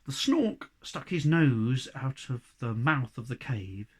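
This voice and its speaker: Expressive man reading a children's story. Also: medium pitch, takes it slowly. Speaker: teacher reading to pupils. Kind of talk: storybook read-aloud.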